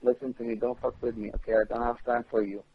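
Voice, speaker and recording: A man's voice: mid-range voice, level tone, fast, slightly rough. A man on a phone call who speaks in curt, broken English and swears a lot. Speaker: prank call target. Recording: dull phone line.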